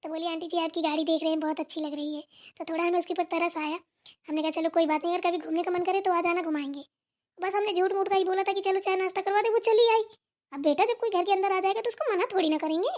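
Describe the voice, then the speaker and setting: A woman voicing a kindly older mother-in-law in a cartoon, speaking softly and soothingly. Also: extremely high pitch, fairly even intonation, fast. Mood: confiding. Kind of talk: cartoon voice acting.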